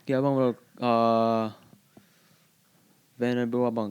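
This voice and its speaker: A young man, a university student, answering podcast questions in halting, casual chat. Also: mid-range voice, little pitch movement, a little mellow, clean tone. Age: young adult.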